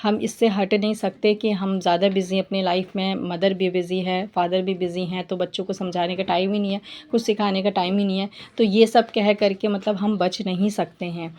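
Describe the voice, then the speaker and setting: A woman vlogger giving earnest parenting advice, talking in a steady instructive way and repeating her points for emphasis. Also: medium pitch, normal speed, hardly any pauses. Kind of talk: earnest advice talk to camera.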